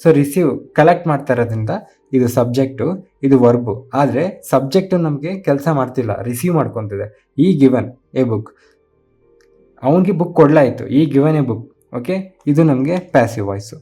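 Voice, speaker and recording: Dark-voiced teacher explaining grammar. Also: male voice, medium pitch, animated, unhurried, slightly rough, faint music behind. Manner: patient, repetitive explaining with frequent check-in questions. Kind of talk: exam-prep grammar lesson, explaining step by step.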